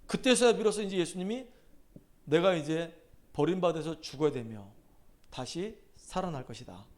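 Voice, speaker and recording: A man's voice: on the high side, animated, moderate pace, darkish tone. A man preaching a sermon as pastor, emphatic and storytelling, acting out scripture quotes with shifts in intensity.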